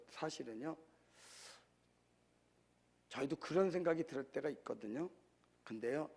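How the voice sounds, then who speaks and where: A man's voice: fairly high pitch, a little mellow, slightly rough. A male pastor preaching a sermon in a conversational way, asking the congregation questions.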